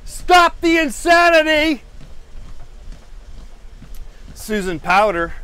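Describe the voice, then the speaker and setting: A man with an extremely high, pushed and bright voice and big pitch swings speaks a little slowly while hosting a live painting stream. He talks on a lapel mic from a cluttered indoor studio while walking on a treadmill. His chat rambles and is self-deprecating, full of fillers and restarts.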